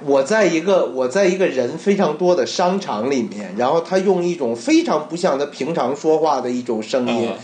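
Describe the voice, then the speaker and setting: A man co-hosting a podcast, telling stories in casual, animated banter in a roomy-sounding space. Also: on the high side, moderate pace, hardly any pauses. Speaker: podcast co-host.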